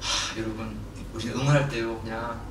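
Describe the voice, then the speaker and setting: A man preaching a sermon as pastor, animated and quick to laugh and shout. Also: medium pitch. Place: church sanctuary. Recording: echoey hall from far off, noisy.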